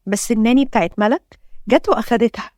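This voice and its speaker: A woman's voice: on the high side, quick pace, darkish tone, no echo, studio quality. A woman with an Egyptian accent narrating a family drama story and reading every character herself. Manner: reads every character herself with little change of voice.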